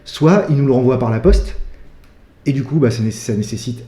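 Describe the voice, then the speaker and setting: A man's voice: mid-range voice, normal speed, mellow. A man with a French accent, a wedding photographer giving a casual tutorial, talking loosely with lots of fillers like "bah" and "euh". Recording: echoey room.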